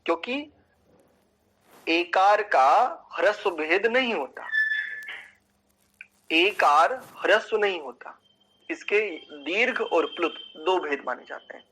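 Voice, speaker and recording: A man teaching Sanskrit pronunciation in an online class, slowly drawing out syllables and chanting verses. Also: high voice, animated, pushed and bright, husky, rough recording. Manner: slow, deliberate, drawn-out chanting of syllables. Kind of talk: online class lecture with mantra recitation.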